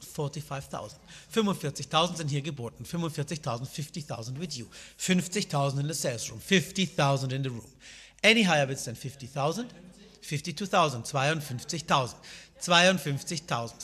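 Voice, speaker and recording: A man's voice: fairly high pitch, sharp tone, husky. A man in his thirties working as an auctioneer, calling out and repeating bid amounts in a live saleroom, switching between German and English. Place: auction saleroom at a rostrum, indoors. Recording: reverberant hall sound.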